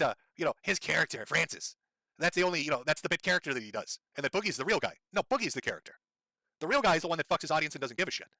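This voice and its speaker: A man's voice: a little high, pushed and bright, no echo. A man hosting a livestream, giving sarcastic, profane, mocking commentary. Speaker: livestream host. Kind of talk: commentary stream.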